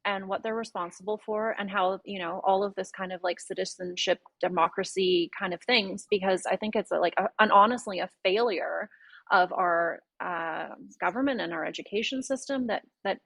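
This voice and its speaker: A Canadian woman on a panel, talking in an earnest, conversational way with plenty of fillers and restarts. Her voice sits at an ordinary pitch. The sound is dry and close, with little room around it. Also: moderate pace, creaky, a bit bright, no room sound. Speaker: guest panelist. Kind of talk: casual panel discussion.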